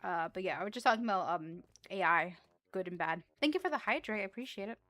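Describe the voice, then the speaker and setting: Bright-voiced young woman streamer rambling. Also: medium pitch, animated, fast talker, no echo, soft background music. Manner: rambling, with frequent restarts and laughs. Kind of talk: casual livestream chat while gaming.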